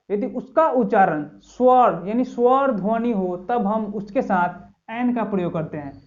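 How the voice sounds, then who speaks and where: A man's voice: very high voice, a little mellow. Man teaching patiently, dull lo-fi sound. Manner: repeats rhetorical questions to the viewer. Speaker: English teacher, channel host. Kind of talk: explanatory grammar lesson. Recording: dull lo-fi recording.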